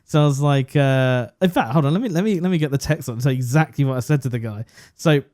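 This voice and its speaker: Speaking quickly in a mid-range voice with a darkish tone, a young Englishman co-hosting a podcast relates a casual story and plays out both sides of a conversation. His manner is chatty and self-deprecating. The recording is dry and of studio quality.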